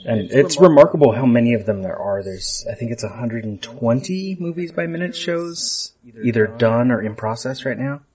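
A man's voice: medium pitch, animated, normal speed, darkish tone, muffled recording. A man hosting a podcast in casual chat, talking over a video call and laughing easily. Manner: chatty, self-deprecating, laughs easily. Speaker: podcast host.

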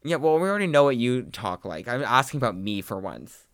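A man with heavy vocal fry and a camp, effeminate delivery, chatting casually as a podcast co-host. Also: mid-range voice, big pitch swings, fairly quick, fairly bright tone, dry recording, clean studio sound. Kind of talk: casual chat.

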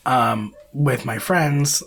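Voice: mid-range voice, drawn-out words, gravelly, a bit bright, breathy edge. A podcast co-host chatting casually about films, rambling with lots of fillers and self-corrections. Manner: laughs often between phrases.

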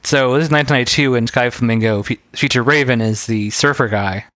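Male podcast co-host, quick casual chatter, dry close mic. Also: medium pitch, a bit bright, dry recording. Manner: quick, chatty, trivia-sharing. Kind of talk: casual chat.

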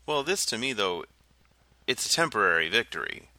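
A man's voice: fairly low pitch, big pitch swings, moderate pace, bright, forceful tone, no room sound. A man co-hosting a casual political podcast, thinking aloud and hedging with "I think" and "like.". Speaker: podcast co-host.

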